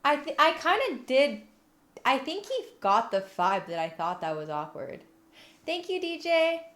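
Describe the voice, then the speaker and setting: A woman livestreamer chatting casually with viewers in a playful, cutesy, giggly and animated way. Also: high voice, unhurried. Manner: animated, expressive delivery. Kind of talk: casual live chat. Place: room at home.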